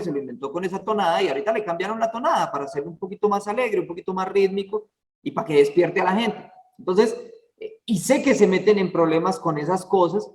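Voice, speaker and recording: A high-voiced man leads an informal church class, chatty and full of fillers. He is recorded from far off in a roomy hall with a long echo. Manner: chatty, many fillers, asks the class for words. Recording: echoey hall, far from the mic.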